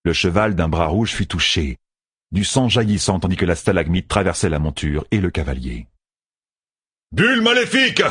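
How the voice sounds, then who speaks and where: A man narrating a fantasy audiobook with expressive, dramatic storytelling. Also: deep voice, fairly quick, breathy edge, no room sound, clean studio sound.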